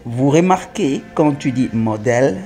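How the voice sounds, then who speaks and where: A man teaching French spelling, reading words slowly and spelling out syllables, with faint music behind him. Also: mid-range voice, expressive, warm tone. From Congo (DRC). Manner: spells out syllables, slow and emphatic. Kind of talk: slow, deliberate French reading lesson.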